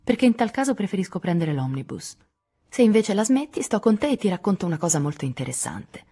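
A woman's voice: medium pitch, big pitch swings, fast talker, mellow, breathy edge, pitched above the performer's own voice. A woman reading aloud, voicing a cheerful, teasing teenage boy in a playful, coaxing way.

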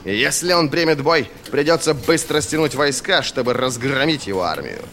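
A man's voice: medium pitch, expressive, normal speed, pushed and bright, a little hiss or hum, pitched above the performer's own voice. A man voicing a stern, curt older army commander in an audiobook, speaking bluntly and with authority. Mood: commanding.

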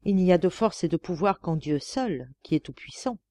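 A woman's voice: lowish voice, expressive, normal speed, mellow, no echo, lightly acted. A woman reading a grave, stern sultan. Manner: grave, reproachful tone. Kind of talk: audiobook reading of a classic tale.

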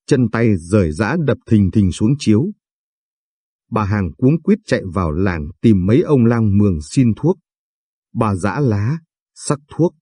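A man reading literary short stories aloud in a slow, measured narration style. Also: fairly low pitch, dark tone, husky, no room sound, clean studio sound. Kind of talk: scripted story narration.

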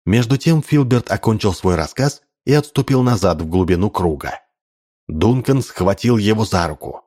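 A man narrating an audiobook in a steady storytelling manner. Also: fairly low pitch, moderate pace.

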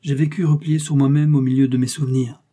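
A man's voice: mid-range voice, level tone, fast, dark tone, lightly acted. A man reading a proud, haughty aristocratic mother. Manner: cool, haughty. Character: proud grieving aristocratic mother, stern then softened.

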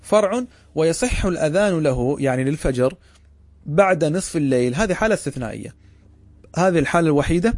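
A man teaching a class as a religious instructor. He keeps putting quick questions to his listeners and then answers them himself. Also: a little high, darkish tone, no room sound. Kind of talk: classroom lecture.

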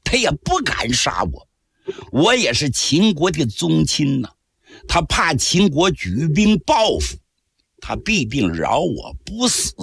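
A man voicing a cunning captured general who pleads and bargains in a low, wheedling voice, in traditional storytelling. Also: wildly swooping pitch, takes it slowly, vocal fry, fairly bright tone, husky, dry recording, clean studio sound, full character voice. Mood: menacing. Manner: low, wheedling, slyly persuasive. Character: captured male enemy general, cunning, pleading then menacing.

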